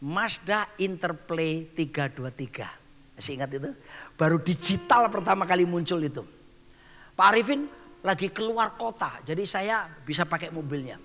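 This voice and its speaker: A middle-aged male pastor preaching a sermon, telling stories in an animated way and often calling out to the congregation. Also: high voice, moderate pace, big-room sound.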